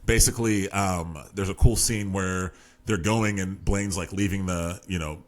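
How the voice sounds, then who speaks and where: A man's voice: deep voice, fairly even intonation, a little slow. A man talks through a book on a casual podcast. He rambles, circles back and fills gaps with "like" and "you know" as he retells the story. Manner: rambling, lots of fillers and restarts. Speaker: podcast host.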